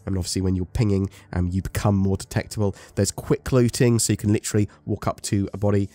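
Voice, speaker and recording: Low-voiced man, ill and sore from talking. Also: steady tone, fast talker, mellow, no echo. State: ill with covid, sore and painful to talk. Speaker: gaming video host. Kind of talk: casual scripted-notes commentary on game updates.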